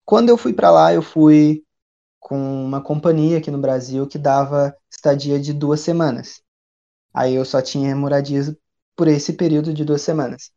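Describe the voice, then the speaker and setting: A man from Brazil, chatting casually as a guest, with a relaxed, rambling way of telling stories. The recording sounds dull and lo-fi. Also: medium pitch, vocal fry. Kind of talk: casual chat.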